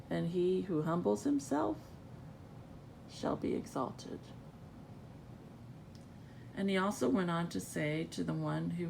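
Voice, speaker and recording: A woman's voice: a little mellow, rough recording. A woman with a groggy, just-woke-up morning voice, reading scripture aloud in an informal way. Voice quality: gravelly, creaky. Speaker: scripture reader. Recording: rumbly background noise.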